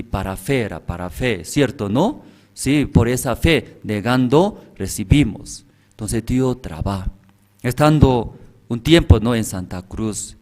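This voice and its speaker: A man's voice: mid-range voice, darkish tone. A man preaching a sermon as pastor in simple, broken Spanish, often adding short tag questions. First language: Korean.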